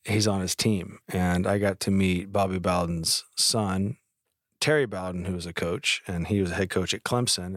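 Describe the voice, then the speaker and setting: A man's voice: low voice, no echo, clean studio sound. A man co-hosting a podcast in casual chat, joking and teasing. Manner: joking, teasing interjections, laughs. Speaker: podcast co-host.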